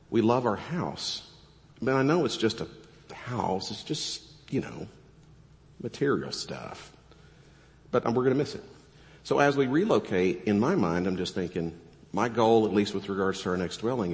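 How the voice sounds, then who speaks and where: A middle-aged pastor preaches with a somewhat low, hoarse voice that keeps breaking into coughs. He slips joking asides into earnest exhortation, and the sound carries a long reverb from the church hall. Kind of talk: sermon. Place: church sanctuary.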